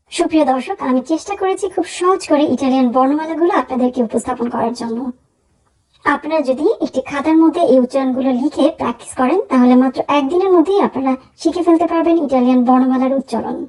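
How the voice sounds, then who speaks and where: High-voiced woman teaching the alphabet. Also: dark tone, low-quality recording. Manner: slow, careful pronunciation drills. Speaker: language teacher. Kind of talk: spoken alphabet lesson.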